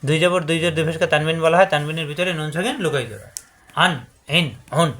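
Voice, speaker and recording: A man with a slightly high voice teaching Quran letter sounds one step at a time. He chants each syllable over and over in set patterns. He stops to correct wrong forms and speaks straight to the viewers. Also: fast, fairly bright tone. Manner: addresses viewers directly with instructions. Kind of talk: step-by-step letter pronunciation lesson.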